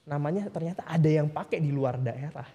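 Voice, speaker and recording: A man, a podcast guest telling stories in a relaxed, slangy, informal way. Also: a little high, brisk, slightly rough, big-room sound. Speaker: guest, founder of a legal aid group for small businesses. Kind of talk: casual podcast conversation.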